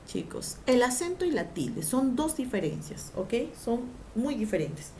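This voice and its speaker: A woman's voice: on the high side, sing-song, unhurried, a little mellow, a little hiss or hum. A woman teacher giving a grammar lesson, drawing out syllables for emphasis and asking the class questions before answering them herself.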